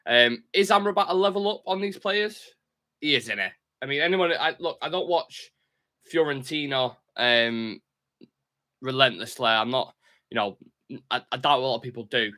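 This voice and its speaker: A man with a bright, forceful, medium-pitched voice hosts a football fan live stream, chatting casually and reading viewer comments aloud. He comes across as blunt and opinionated.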